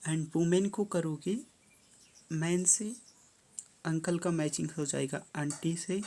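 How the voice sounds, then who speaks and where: With a medium pitch, fairly even intonation and a dark tone, a teacher handles a worksheet step by step. Every English prompt gets a slow reading followed by a plain-language explanation.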